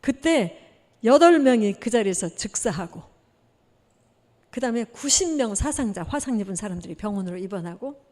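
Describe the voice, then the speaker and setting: A woman missionary preaching a testimony sermon, telling her story in an animated way and acting out the dialogue. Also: mid-range voice, moderate pace. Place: church sanctuary. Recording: long reverb of a church hall.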